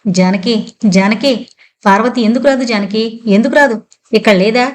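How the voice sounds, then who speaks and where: A woman's voice: on the high side, moderate pace, natural voice. Brief: stubborn, determined father, pushing for answers, a woman doing the voice. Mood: firm insistent. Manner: firm, insistent questioning. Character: determined older father, firm and probing.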